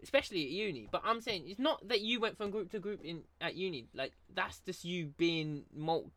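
A man's voice: high voice, brisk, pushed and bright, no room sound. A man in his twenties with an Essex estuary English accent, chatting casually in emphatic, repetitive, sweary street slang. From Essex, England.

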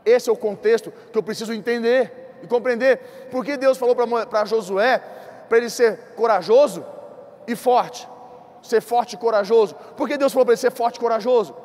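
Impassioned Brazilian preacher, high voice. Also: male voice, darkish tone. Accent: Brazilian Portuguese. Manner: impassioned, repetitive preaching with quick bursts and slow emphatic drops. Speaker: bishop preaching. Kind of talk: sermon. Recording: church hall with long reverb.

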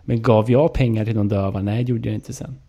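A man's voice: fairly low pitch, steady tone, dark tone. A man chatting casually on a podcast who jokes, swears and often laughs. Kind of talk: casual chat.

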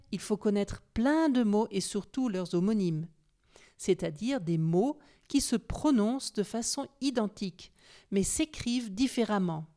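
Female podcast host, unhurried, mellow tone, scripted teacherly delivery. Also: medium pitch. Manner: slow, clear teacherly explanation with questions to listeners. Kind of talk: scripted educational narration.

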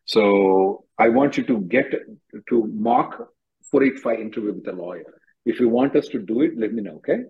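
An immigration attorney speaks bluntly to callers on a conference call, repeating himself to drive points home. His fairly low, husky voice has vocal fry and is animated at a normal pace, and the audio is dull and lo-fi.

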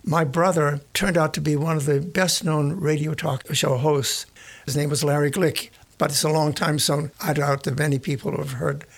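An older man recounting his working life in an interview, with a gravelly, slightly husky voice pitched a touch high for a man. He tells his story casually, often restarting a phrase mid-thought. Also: level tone, normal speed. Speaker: interviewee, retired broadcast engineer. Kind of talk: casual reminiscing.

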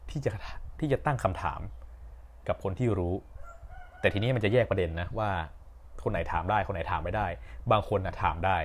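Young man, podcast host, casual storytelling, rambling, self-correcting, somewhat low voice.

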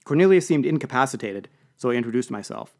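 A man's voice: medium pitch, lively intonation, quick pace, darkish tone. A man narrating an audiobook in a dry, wry storytelling manner.

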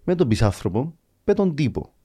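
A man with a Cypriot Greek accent who co-hosts a comedy podcast. He talks in a lively, casual way and laughs easily. His voice sits at an ordinary male pitch. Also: slightly rough. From Cyprus. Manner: animated, laughs, jumps into high-pitched impressions. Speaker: podcast co-host.

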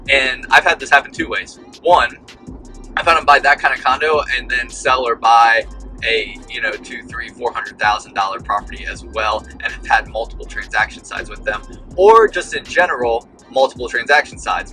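Male podcast host, middle-aged, forceful tone, halting off-the-cuff advice with emphatic repeats, low-quality mic on the go. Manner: halting, rambling, emphatic repetition. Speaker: podcast host, real estate broker. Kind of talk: casual podcast monologue with coaching advice. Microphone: low-quality portable mic. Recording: poor cheap mic sound, faint music.

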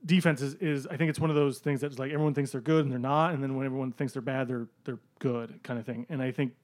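A man's voice: medium pitch, steady tone, fast, a little mellow, no echo. A man co-hosting a casual sports betting chat, joking, laughing often and restarting his sentences. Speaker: podcast co-host.

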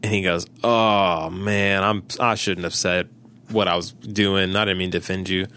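A man's voice: deep voice, normal speed. A man, a pastor, talking casually on a podcast and animatedly telling stories, acting out the people he quotes. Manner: animated storytelling, acts out quoted dialogue.

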